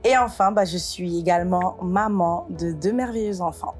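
Woman, talk show guest, church minister, measured, slightly hesitant, studio, faint music. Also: lowish voice, a little mellow. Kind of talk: self-introduction in a studio interview. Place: TV studio set.

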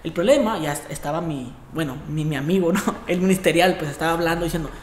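A barber and vlogger in his thirties with a Mexican Spanish accent tells a story in a casual vlog, animated and profane, acting out what others said with voices and gestures. He speaks quickly at a fairly high pitch. He is filmed in an indoor barbershop with a brick wall by a camera at desk distance, in an echoey room with a little hiss or hum.

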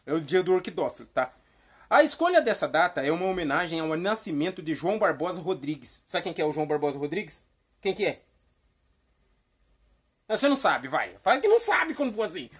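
A woman hosting a playful comedy vlog, rambling and teasing, with sudden mock shouts. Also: deep voice, expressive, fairly quick, long pauses, breathy edge. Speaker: vlog host.

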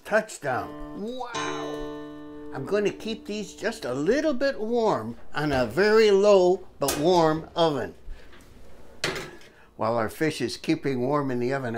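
An older man hosting a casual home cooking video, chatty and enthusiastic, talking from his kitchen. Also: on the high side.

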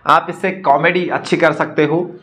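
A man who is a magician, briskly showing and explaining magic props one after another in a casual demo. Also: on the high side, fairly even intonation, fairly bright tone. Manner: brisk, talking props through each trick. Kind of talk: casual product demonstration.

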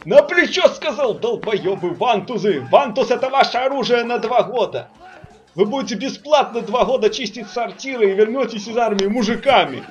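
A man's voice: very high-pitched, moderate pace, lo-fi sound. A man voicing a bullying, foul-mouthed army drill sergeant who barks commands and insults in a comic parody dub. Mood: barking, bullying.

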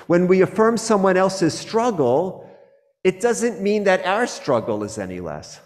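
Rabbi preaching in a reverberant sanctuary. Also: male voice, medium pitch, a little mellow. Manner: measured, earnest delivery with slow emphatic phrases. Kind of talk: sermon. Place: synagogue sanctuary.

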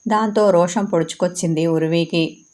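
A woman's voice: on the low side, fairly even intonation, normal speed, darkish tone. Woman narrating a romance story evenly. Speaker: author and storyteller. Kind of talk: reading a serialized romance story.

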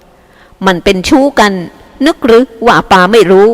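A woman reader voicing a weary adult man, the older brother, who speaks quietly and with restraint. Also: a little high, a little slow, lightly acted. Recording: long hall reverb.

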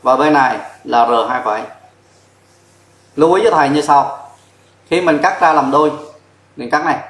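At the board, a Vietnamese-accented man explains a chemistry lesson one step at a time, spelling each formula letter by letter. He speaks at normal speed in a fairly high, fairly bright voice, recorded with classroom echo.

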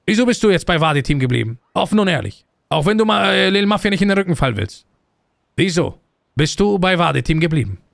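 A man's voice: high-pitched, very animated, fast, gravelly, dry recording, studio quality. A man in street roleplay, playing a domineering gang boss who berates others and peppers his talk with Spanish slang.

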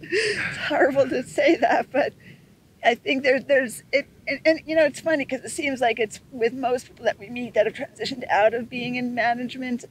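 A woman's voice: high-pitched, steady tone, moderate pace, slight background noise, rough recording. A middle-aged woman co-hosting a sailing vlog, agreeable and chatty, often chiming in, seated outdoors on open dunes and filmed from a tripod camera. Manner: agreeable, chimes in often with yeah. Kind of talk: casual chat.

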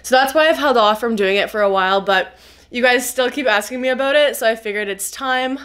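Woman, young adult, nasal cold voice, chatty with fillers, slightly high pitch. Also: brisk, a bit bright. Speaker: skincare reviewer, biochemist YouTuber. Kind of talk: casual explanatory video review.

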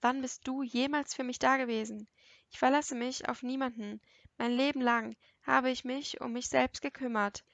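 A woman's voice: high-pitched, fairly even intonation, moderate pace, gravelly, a bit bright, dry recording, dull audio. A woman voicing a guarded, self-reliant young woman in an audiobook, speaking defensively and close to tears. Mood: bitter. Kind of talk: audiobook character reading.

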